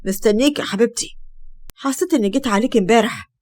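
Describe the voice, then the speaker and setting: A woman's voice: fairly high pitch, quick pace, a little mellow, natural voice. A woman with an Egyptian Arabic accent voicing a scheming, controlling young man. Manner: controlling, sly.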